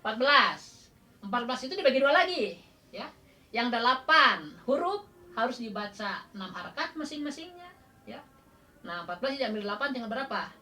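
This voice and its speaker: Sundanese-accented woman, Quran recitation teacher, crisp clear tone, informal classroom style, asks and laughs. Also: on the high side, big pitch swings, bright, forceful tone, slight background noise. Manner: quizzes students with questions, chuckles often; counts out drawn-out letters as demonstration.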